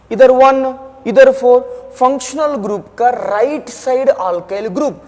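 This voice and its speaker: Man, chemistry teacher, high voice, slow deliberate pace, scolding but affectionate, long hall reverb. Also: a little mellow. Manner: scolding yet affectionate, repeats phrases, quizzes students. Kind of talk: classroom lecture.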